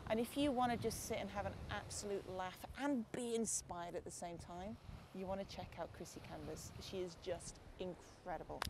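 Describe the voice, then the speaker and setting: A woman in her forties from Lancashire, England, hosts an art channel and chats to camera at moderate pace in a medium-pitched voice with a softened Lancashire accent. Standing on a beach at sunset, she warmly thanks her viewers, calling them guys and mate, while noisy outdoor audio surrounds her.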